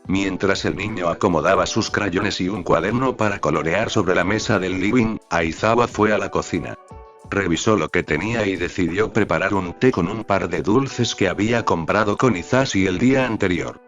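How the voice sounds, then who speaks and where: A man narrating a fan fiction story in a steady, even reading voice. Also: low voice, moderate pace. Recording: slightly dull audio with faint background music.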